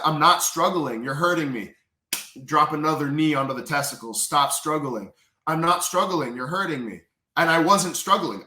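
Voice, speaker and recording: Guy telling his own story, bright voice, earnest and intense, roomy echo. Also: medium pitch. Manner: earnest, intense retelling with repeated phrases. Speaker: memoir author telling his prison story. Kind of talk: personal storytelling.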